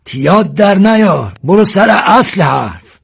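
A calm, measured older man who leads the group, husky and even-tempered, as a man acts him out. The reading lifts the voice only slightly above the narration. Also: high voice, voice pushed up, heavily acted. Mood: steady.

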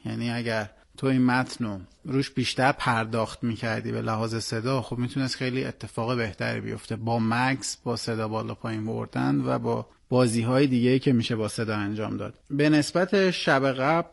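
A man with a creaky, gravelly voice at an average pitch. He speaks as a contest judge, giving informal spoken critique. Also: fairly even intonation, few pauses.

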